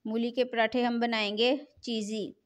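A woman's voice: fairly high pitch, level tone, a little slow. A middle-aged woman, hosting a home cooking tutorial in a chatty, repetitive voice-over. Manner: chatty, repeats filler phrase "jo hai na". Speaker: cooking channel host.

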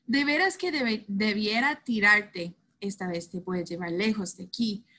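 Brief: woman reading as a soft-spoken, worried old uncle, slow and gentle, storybook voice. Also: medium pitch.

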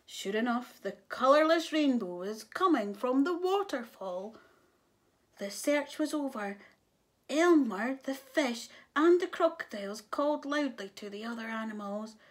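A woman reading a children's picture book aloud, giving the animals voices and adding soft whispered asides. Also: a little high, lively intonation, measured pace. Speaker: storyteller.

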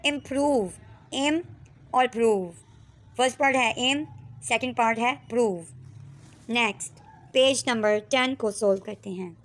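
A woman teacher with a Pakistani accent giving a textbook lesson, reading English words and sentences slowly and clearly, then explaining them. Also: fairly high pitch.

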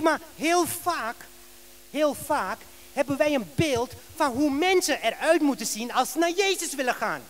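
A male pastor preaching a sermon in a church, telling a story with lively rhetorical questions. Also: extremely high pitch.

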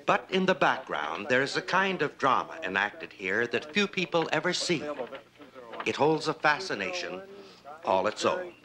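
A man's voice: mid-range voice, big pitch swings, moderate pace, crowd noise. A middle-aged man, a pilot and presenter, speaking in scripted film narration and cockpit talk. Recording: old film soundtrack, heavy engine noise.

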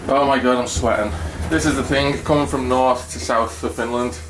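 A medium-pitched, steady male voice at normal speed narrates a casual vlog against a noisy background. Using a handheld camera mic, the travel vlogger rambles and makes fun of himself as he leaves his apartment, takes the stairwell and heads to his car across an icy outdoor car park.

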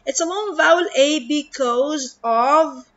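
Woman english teacher w/ arabic accent, high voice, drags words out slow, kinda muffled lo-fi audio. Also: fairly bright tone. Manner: slow and deliberate, stretching words for pupils, mixing in Arabic glosses. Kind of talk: recorded online lesson.

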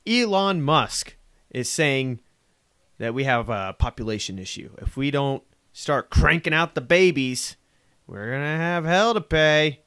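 A man's voice: fairly high pitch, expressive, a little slow, a bit bright, clear, resonant tone. Sarcastic man hosting a commentary show. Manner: sarcastic, mocking, jokey asides. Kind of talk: casual political commentary.

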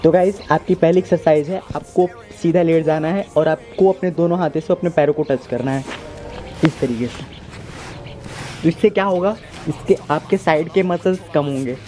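Outdoors in a brick-walled yard or rooftop, a man in his 20s leads a workout demo for viewers as an amateur home fitness instructor, loud music playing behind his voice. His pitch is on the high side and his speed normal, and he keeps his instructions casual and helpful, often saying phrases twice.

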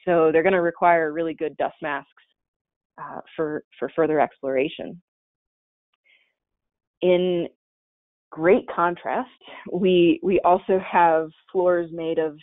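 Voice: medium pitch, steady tone, takes it slowly, long pauses, no room sound. A caver giving a casual, chatty slide-show presentation in a webinar, with many fillers and restarts. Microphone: webinar call mic. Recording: tinny, dry webinar call audio.

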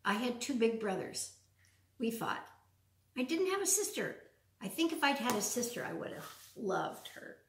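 An older woman, around her 70s, reads a children's storytime aloud with chatty asides, using simple phrases, frequent questions for the little ones, and a fairly high voice with big pitch swings at normal speed. She sounds distant from the mic in a large, open, wood-floored living room, with roomy echo and a little hiss or hum.

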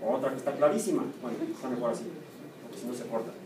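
A man's voice: mid-range voice, steady tone, very fast. A man with a Mexican Spanish accent, a university professor giving a classroom lecture, who puts questions to the class and answers them himself. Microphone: room or camera mic from a distance. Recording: echoey classroom, far from the mic, noisy.

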